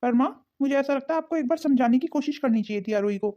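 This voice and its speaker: A woman voicing a calm adult son in a cartoon, gentle and reasoning. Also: sits high, rapid-fire, highs cut off, natural voice. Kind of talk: cartoon voice acting.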